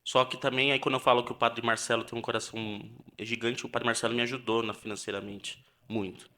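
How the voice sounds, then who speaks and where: A young Brazilian man, a seminarian, giving an earnest personal testimony on a podcast, halting and restarting as he tells it. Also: medium pitch, level tone, pushed and bright. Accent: Brazilian Portuguese. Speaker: seminarian guest.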